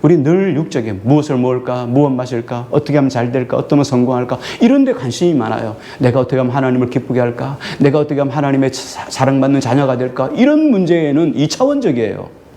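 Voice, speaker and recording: A male pastor preaching a sermon to his congregation, putting questions to them and answering them himself, and drawing out key words slowly for emphasis. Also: mid-range voice, lively intonation, mellow. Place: church sanctuary.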